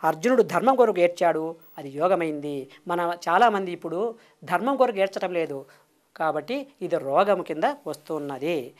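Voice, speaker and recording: A woman's voice: fairly low pitch, animated. Woman, spiritual teacher, rhythmic repeated phrases, devotional sermon. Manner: drawn-out exclamations of aha. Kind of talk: devotional discourse answering questions.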